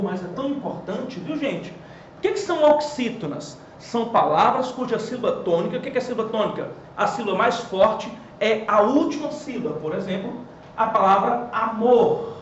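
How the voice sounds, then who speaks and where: A man with a Brazilian accent teaching a lively grammar lesson at a whiteboard. He asks questions and answers them himself, and stresses key words. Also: extremely high pitch, reverberant, dull audio, a little hiss or hum. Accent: Brazilian Portuguese. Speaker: Portuguese teacher.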